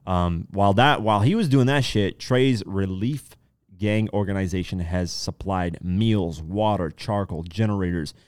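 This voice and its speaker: A man's voice: deep voice, measured pace, clean tone, dry recording, clean studio sound. A man co-hosting a casual chat, talking in slangy, profanity-laced language and repeating his points for emphasis. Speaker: podcast co-host. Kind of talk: casual chat about news and business.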